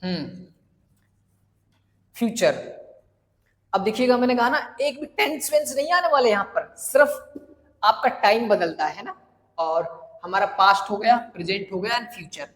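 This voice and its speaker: A man's voice: high voice, expressive, measured pace, long pauses, fairly bright tone, in a large hall. A man from Jaipur teaching a casual spoken English lesson, playful and joking, often asking rhetorical questions. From Jaipur, India.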